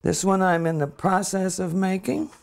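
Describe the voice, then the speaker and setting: An instrument maker describing their work in an interview, in a quiet, reflective way. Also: mid-range voice, normal speed, gravelly.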